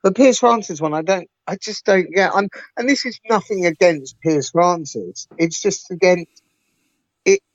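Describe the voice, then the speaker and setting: A man's voice: high-pitched, measured pace, no room sound. A man co-hosts a podcast in a casual, emphatic way and stumbles over his opening words. The sound is dry and a little dull. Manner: emphatic, stammers at starts. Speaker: podcast co-host. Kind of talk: casual chat.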